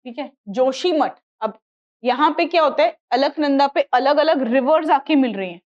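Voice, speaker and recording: A woman's voice: sits high, moderate pace, a little mellow, muffled recording. A woman with an Indian accent teaching geography for exam prep, repeating mnemonics and quizzing her students. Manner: repetitive, drills mnemonics, asks students questions. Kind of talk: classroom lecture mixing Hindi and English.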